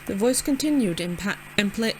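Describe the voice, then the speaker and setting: A woman's voice: medium pitch, expressive, normal speed, slight background noise. A young woman reading a visual novel aloud, casual and giggly, stumbling over words with side comments. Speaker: gaming channel host.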